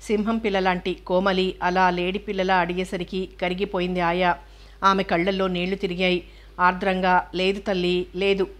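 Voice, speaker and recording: A woman narrates a novel for an audiobook with even, measured pacing. Her voice is low and her pitch stays flat, giving a steady, unbroken reading.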